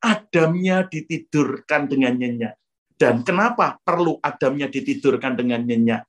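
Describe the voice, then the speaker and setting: A man's voice: medium pitch, normal speed. Man, pastor, sermon, story-driven, addresses listeners directly. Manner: storytelling preacher who constantly addresses listeners as brothers.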